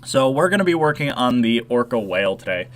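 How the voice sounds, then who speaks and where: A man's voice: mid-range voice, very animated, brisk. Chatty nasal young man streaming. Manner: rambling, chatty, reads and answers chat. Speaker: modding livestream host. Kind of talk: casual livestream tutorial.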